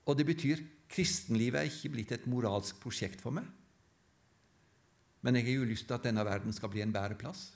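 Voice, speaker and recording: A man's voice: mid-range voice, creaky, a little mellow. A man preaching a sermon in church, emphatic and building his points through repeated phrases.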